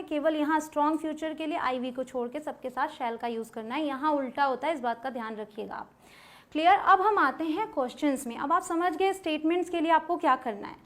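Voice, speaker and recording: A woman teaching English grammar in a video lesson, explaining rules in Hindi and reading each English example slowly and distinctly. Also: high-pitched. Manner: mixes Hindi with English terms, checks in with "clear".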